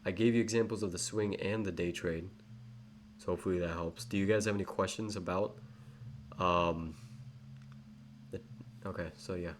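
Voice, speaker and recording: A young English-accented man with a deep voice and fairly even intonation rambles through a live trading tutorial at normal speed. As a trading educator, he fills his talk with fillers and self-corrections, over faint background noise.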